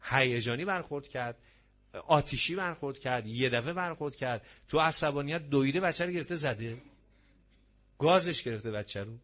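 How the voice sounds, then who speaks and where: With lively intonation and a mid-range, somewhat bright voice, a preacher addresses an audience in a gathering hall. He delivers his religious sermon emphatically, posing rhetorical question after rhetorical question, all captured in dull, lo-fi sound.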